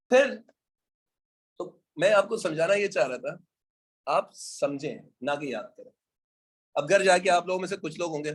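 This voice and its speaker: A man's voice: fairly high pitch, slightly rough. A man lecturing an economics class in an informal way, teasing his students and calling them brother and son.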